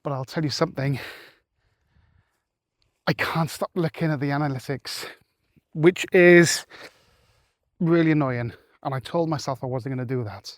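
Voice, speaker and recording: A man's voice: fairly high pitch, moderate pace, pauses often, no room sound, clean studio sound. A married man talking casually to camera while out walking in open fields, rambling with many fillers and restarts, a little out of breath. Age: adult, married. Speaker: vlogger.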